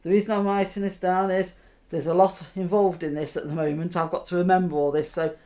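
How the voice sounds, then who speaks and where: A woman magician giving card trick patter, deliberately talking her audience through each step and checking in with questions. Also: lowish voice, fairly even intonation, warm tone. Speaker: magician, host.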